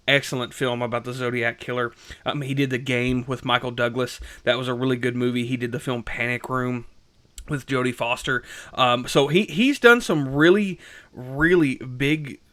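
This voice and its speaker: A man's voice: medium pitch, sharp tone. A young man giving a casual, rambling film review, full of fillers and restarts.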